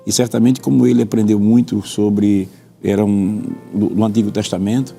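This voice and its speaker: Gravelly dark-voiced Brazilian pastor. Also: male voice, on the low side, flat delivery, moderate pace, faint music behind. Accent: Brazilian Portuguese. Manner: earnest, expository, quotes scripture and repeats points for emphasis. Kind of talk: teaching on a religious TV panel.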